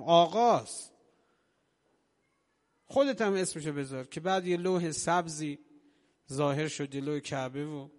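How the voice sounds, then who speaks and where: Male preacher, sermon storytelling, fervent swells, echoing hall. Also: a little high. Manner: impassioned, rising to loud emotional peaks, slowing on key phrases.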